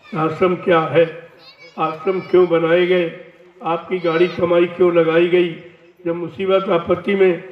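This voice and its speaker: In a big echoing hall, a male spiritual teacher preaches devotionally and slowly, cautioning those listening. His high-pitched delivery stays flat, he sounds far from the microphone, and the audio is muffled and low in fidelity.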